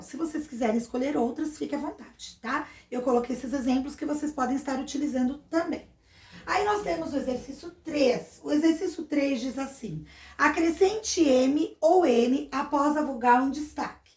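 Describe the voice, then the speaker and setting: A Brazilian woman teaches a schoolbook lesson in a high-pitched voice, patiently walking her pupils through each exercise. Her voice carries a noticeable room echo. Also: darkish tone. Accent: Brazilian Portuguese. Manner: patient, explains step by step, addresses pupils as a little class.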